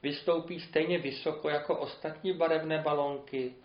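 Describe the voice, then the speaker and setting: A man's voice: fairly high pitch, fairly even intonation, natural voice. A man voicing a sad, shy young village boy who asks an earnest question, in a roomy, dull recording.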